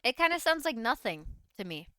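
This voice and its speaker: A woman's voice: on the high side, sing-song, brisk, pushed and bright, dry recording, clean studio sound. A woman streamer in casual live-stream chat, playful and giggly, swearing freely.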